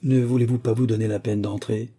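Male narrator voicing a guarded, formal mother, curt, dark husky tone. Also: mid-range voice, level tone, brisk, lightly acted. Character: wary middle-aged mother, curt then formal.

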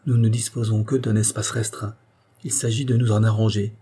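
A man reading an audiobook, voicing a nervous, excitable engineer who shouts in a strained voice. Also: lowish voice, brisk, slightly rough. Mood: pensive. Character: excitable male engineer-inventor, nervous and furious. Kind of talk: audiobook character voice.

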